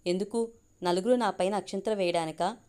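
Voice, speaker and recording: A woman's voice: medium pitch, fairly quick, darkish tone, smooth, lightly acted. Woman reading as a dry, composed woman. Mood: questioning.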